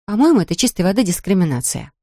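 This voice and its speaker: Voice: mid-range voice, very animated, quick pace, warm tone, no echo. A reader voicing a wry, stubborn young woman who teases lightly, read close to a dry studio mic.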